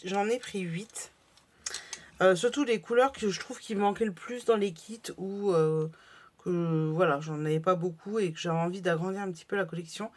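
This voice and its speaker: A woman talks through her craft haul in a relaxed, chatty way. She pauses often to search for words and restarts her phrases, and her voice sits at an ordinary mid pitch. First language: French. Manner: chatty, hesitant with many fillers. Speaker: crafting vlogger. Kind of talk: casual haul video.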